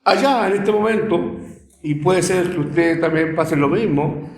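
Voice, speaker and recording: A middle-aged Chilean man preaches a sermon in a high voice, telling stories with plenty of feeling and repeating his words as he goes. His voice rings around an echoey room. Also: normal speed. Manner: emotional storytelling with many repeated words.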